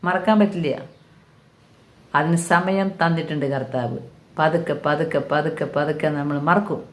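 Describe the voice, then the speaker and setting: A woman's voice: sits low, steady tone, moderate pace. Earnest woman preaching, echoey room. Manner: earnest, repeats phrases for emphasis. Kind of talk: sermon.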